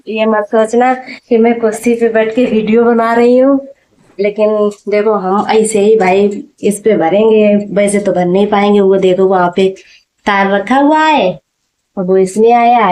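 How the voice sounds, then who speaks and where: A woman's voice: mid-range voice, a little mellow. A middle-aged woman vlogging at home, chatting straight to her viewers while she works, raising her voice over a running machine. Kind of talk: casual how-to vlog.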